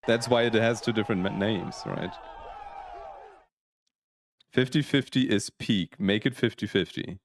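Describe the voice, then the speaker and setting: A man's voice: on the low side, unhurried, pauses often, no echo. Young man, casual stream chat, rambling, self-correcting, dry close mic. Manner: rambling, restarts, explaining rules to chat. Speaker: streamer, PhD student.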